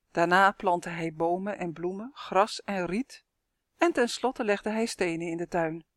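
Woman reading a kids' fairy tale out loud, clear lively storytelling, mid pitch, dead dry sound. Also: no echo. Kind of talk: read-aloud children's fairy tale.

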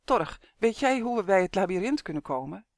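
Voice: medium pitch, expressive, brisk, no echo, studio quality, voice pushed up, close to an everyday voice. A reader voicing a stubborn, earnest young boy who insists with pleading emphasis, in an audiobook. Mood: determined. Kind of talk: audiobook character voice.

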